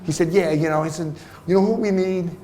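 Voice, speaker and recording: Guy telling funny stories at a festival talk, lively and laughing, a bit high voice, echoey hall. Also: a little fast. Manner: animated, laughing, many "you know" fillers. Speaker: actor giving a master class. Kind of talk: anecdotal storytelling interview. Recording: roomy hall, faint ambience.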